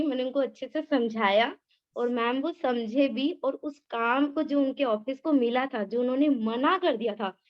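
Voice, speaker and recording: A woman's voice: sits high, muffled recording. A woman eagerly sharing a personal story on a video call, talking nonstop and calling the host ma'am. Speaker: participant sharing her experience.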